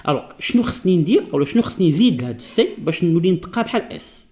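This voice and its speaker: A man with a Moroccan Arabic accent teaching French pronunciation. He explains patiently, often checks that listeners follow, and says example words slowly. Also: high voice, big pitch swings, a little mellow, husky. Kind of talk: classroom-style lesson explanation.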